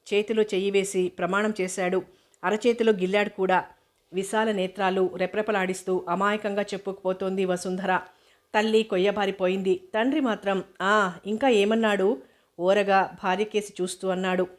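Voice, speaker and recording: A woman narrating a serialized novel as an audiobook in a measured, even storytelling manner. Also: medium pitch.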